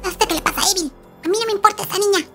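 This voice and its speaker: A woman's voice: extremely high pitch, lively intonation, a little slow, music in the background, pitched above the performer's own voice. A woman voicing a jealous, sulky young boy creature who grumbles defiantly in a game role-play story.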